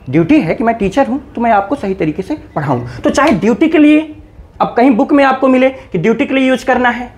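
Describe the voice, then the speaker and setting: A man teaching a video lesson, explaining grammar in an animated way and playfully scolding his students in jest. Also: very high voice. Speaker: English teacher.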